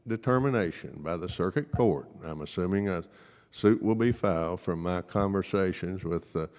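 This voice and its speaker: A man's voice: low voice, normal speed, darkish tone. A man speaking as a county official at a public meeting, firm, emphatic and legalistic, repeating his points. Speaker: county official, attorney for the court. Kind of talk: formal remarks at a public meeting. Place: large public meeting room. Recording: echoey meeting hall.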